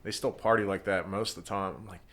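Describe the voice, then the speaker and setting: A man's voice: low voice, steady tone, fast, a bit bright. A man in his early thirties chatting casually in profane, slangy talk peppered with man and dude. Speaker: band musician and podcast participant. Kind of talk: casual chat.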